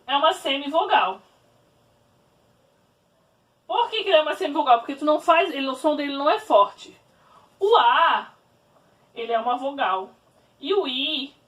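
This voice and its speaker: A woman teacher giving a grammar lesson, spelling words out slowly and patiently. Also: sits high, a bit bright, distant mic. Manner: slow, spelled-out explaining.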